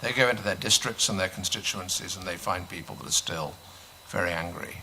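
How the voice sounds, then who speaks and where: A male panelist answering a question at a conference, measured, pausing often with "um". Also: sits low, bright, forceful tone, a little hiss or hum, low-quality recording. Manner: measured, many "um" pauses, dry aside. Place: conference hall.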